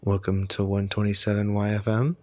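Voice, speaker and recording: A laid-back new-age radio host, as a man puts him on, speaking softly and a little low in the voice of a late-night station announcer. The sound is dry and close. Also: completely flat delivery, brisk, no room sound, close to an everyday voice.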